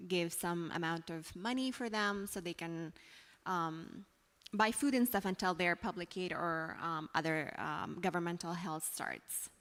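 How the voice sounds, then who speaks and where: A woman from Afghanistan, a guest speaker, telling her story in a halting, earnest way with many fillers. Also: on the low side, a bit bright. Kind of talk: sharing a personal story on stage. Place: church hall. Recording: long hall reverb.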